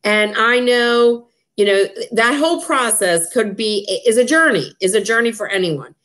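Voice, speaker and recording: At a normal speed, this woman speaks in a somewhat bright, highish voice. The association's president, she hosts a relaxed conversation about member events ahead, brimming with enthusiasm and heavy on fillers, repetitions, and restarts.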